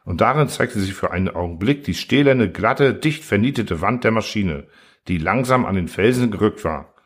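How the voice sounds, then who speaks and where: A man's voice: fairly low pitch, expressive, normal speed, breathy edge. A man reading a story aloud, narrating steadily and acting out each character. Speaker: audiobook reader.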